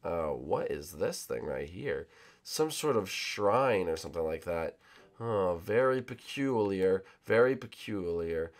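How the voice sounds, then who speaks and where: A man plays out an improvised video game story. His pitch moves around a lot. He is casual and a bit bossy. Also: lively intonation, unhurried. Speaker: gamer performing a role-play. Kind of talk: improvised game role-play.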